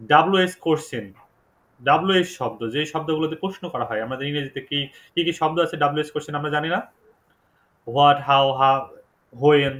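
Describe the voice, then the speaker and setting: A man teaching German to beginners in an online class, explaining slowly and repeating each word for learners. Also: a little high, fairly bright tone.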